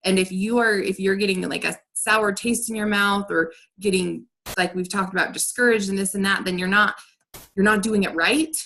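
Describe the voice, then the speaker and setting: A woman's voice: medium pitch, fairly even intonation, normal speed, a bit bright. A woman leading a team training over a video call, talking in a direct, upbeat coaching way. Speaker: team leader.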